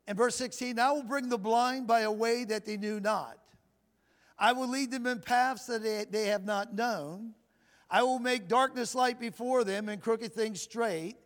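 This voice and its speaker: His pitch extremely high, a man preaches loudly in a reverberant church with faint background music. He keeps asking the crowd "Amen?", repeats himself, and stumbles over his words as he builds to shouting.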